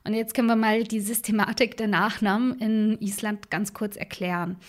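With a medium-pitched voice at a moderate pace, this true crime podcast co-host walks through the case casually. She chats in a relaxed way, sprinkling in fillers and asides.

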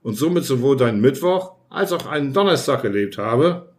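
A man voicing a phlegmatic man, his own later self, who answers in an unhurried, offhand way in an audiobook. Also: medium pitch, lively intonation, natural voice.

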